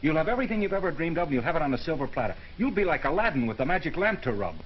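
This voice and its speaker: A man's voice: on the high side, sing-song, very fast. An actor playing a slick, persuasive big-city newspaperman, glib and insistent, in 1930s screwball comedy banter from an old film. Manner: glib, insistent salesman patter. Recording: muffled, very noisy 1930s film soundtrack.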